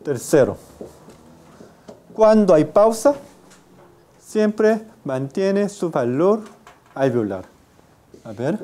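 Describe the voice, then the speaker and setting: A man's voice: high voice, animated, extremely slow, pauses often, dark tone. A man teaching Spanish phonetics in a university class. He repeats example words and quizzes his students. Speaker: university Spanish phonology lecturer. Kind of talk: classroom lecture with questions to students. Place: university lecture room.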